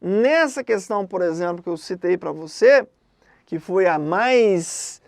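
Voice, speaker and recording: A woman teaching an exam-prep grammar lesson in a conversational way, often checking in with quick questions. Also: on the low side, animated, darkish tone, no echo, clean studio sound.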